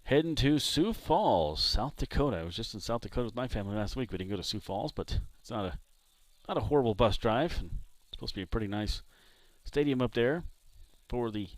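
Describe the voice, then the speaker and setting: A man from San Diego doing play-by-play commentary for a baseball game, chatting between pitches. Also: no room sound. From San Diego, California. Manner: relaxed, chatty between pitches, jumps up loud on big hits. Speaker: play-by-play announcer.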